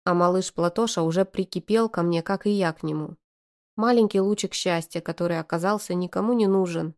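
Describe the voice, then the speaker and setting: A woman reading a first-person novel aloud in a lively, sarcastic manner. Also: lowish voice, fairly quick. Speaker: audiobook narrator.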